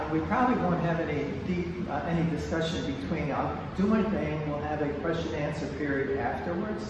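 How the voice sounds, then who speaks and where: A man's voice: a little high, background noise. An older man, a poet, chatting casually with fillers between poems he reads aloud. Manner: rambling, folksy, many fillers. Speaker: poet giving a reading. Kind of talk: poetry reading with casual asides. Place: church hall. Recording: echoey hall, distant mic.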